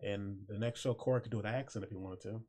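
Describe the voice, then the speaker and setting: A man's voice: lowish voice, steady tone, fast talker, a little mellow, a little hiss or hum. A man co-hosting a casual group podcast, tossing out would-you-rather questions and laughing often. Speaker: podcast co-host.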